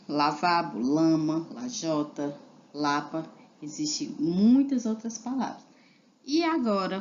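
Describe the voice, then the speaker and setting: A woman teacher slowly and patiently reading a literacy lesson to young children, spelling out syllables and words one by one. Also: low voice, a little mellow, highs cut off.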